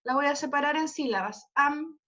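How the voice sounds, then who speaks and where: A woman's voice: sits high, a little slow, pushed and bright. Woman, literature teacher, explanatory lecture, muffled lo-fi call audio. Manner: explanatory, checks in often with "¿ya?" and "¿cierto?". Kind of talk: online class lecture. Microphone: computer mic on a video call. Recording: dull lo-fi video call audio.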